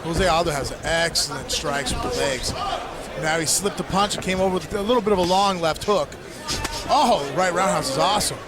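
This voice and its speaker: A man's voice: on the high side, normal speed. A man giving conversational, technical color commentary on a live fight. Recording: loud crowd and music behind.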